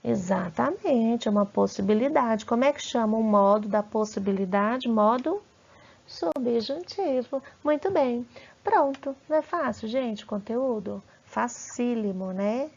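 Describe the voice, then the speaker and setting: A woman with a Brazilian Portuguese accent teaching a grammar lesson over slides. She asks her students questions and praises their answers warmly. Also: a little high, expressive, a little slow, vocal fry, husky, dull audio.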